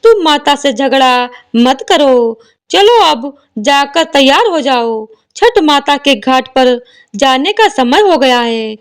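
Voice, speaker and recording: A woman voicing a mild young husband gently coaxing his wife. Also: high-pitched, big pitch swings, slow pace, heavily acted.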